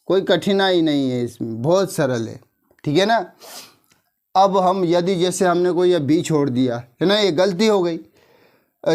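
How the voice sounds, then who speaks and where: A man's voice: sits high, a little mellow. A male English teacher from India giving a grammar lesson, talking casually, telling a moral story and checking in with his listeners again and again. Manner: conversational, repeats tag questions, slows down to dictate.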